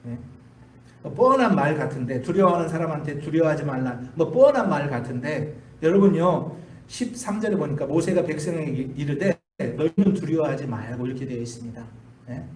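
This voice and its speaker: A man's voice: on the high side, a little mellow, slight background noise. A male pastor preaching a sermon in a church, often asking the congregation questions and repeating key phrases. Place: church sanctuary. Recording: echoey church from a distance.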